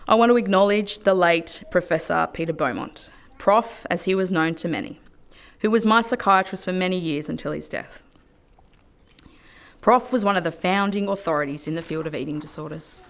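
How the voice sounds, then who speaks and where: An Australian woman speaks in a legislative chamber, delivering a prepared parliamentary speech. Her voice sits somewhat low for a woman, and her delivery is earnest and measured. She is picked up by a lectern microphone. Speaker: politician.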